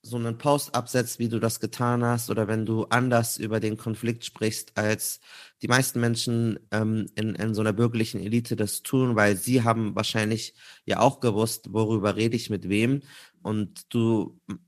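A man's voice: on the low side, little pitch movement, moderate pace. A man hosting an interview, asking probing questions that he rephrases as he goes. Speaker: host, interviewer. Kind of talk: casual conversational interview.

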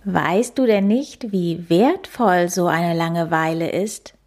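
A woman voicing a calm, cheerful grandmother coati who speaks gently and with amusement. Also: fairly low pitch, slow pace. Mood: amused.

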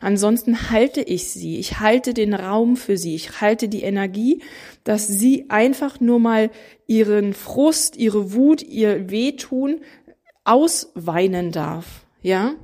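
A mother of three in her thirties talking straight to viewers, animated and emphatic, acting out what others say. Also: medium pitch, slow pace. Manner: animated, emphatic, acts out quotes. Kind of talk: casual talking to camera.

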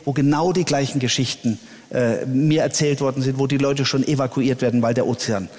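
A man, a church leader, answering interview questions earnestly, often pausing with hesitations. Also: medium pitch, steady tone, a little mellow. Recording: long reverb.

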